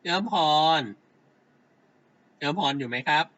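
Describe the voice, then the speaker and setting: Slow, bright-voiced male teacher. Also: a little high, lo-fi sound, a little hiss or hum. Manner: patient, keeps checking with the class. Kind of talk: grammar lesson.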